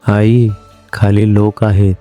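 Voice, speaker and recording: A man voicing an eerily calm possessed little boy in a horror story. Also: fairly low pitch, slow, soft background music. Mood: eerie.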